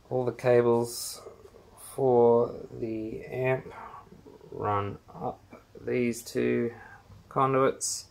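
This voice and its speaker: An Australian man with a gravelly, mid-range voice films a handheld phone tour of his small basement home theater while walking around. His talk is casual and unhurried, halting often with lots of fillers.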